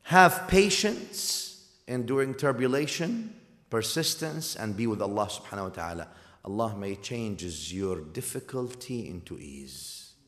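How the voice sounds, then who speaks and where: Male preacher, animated sermon delivery, recorded with long hall reverb. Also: mid-range voice, measured pace. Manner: animated, swinging from loud to soft, tag questions.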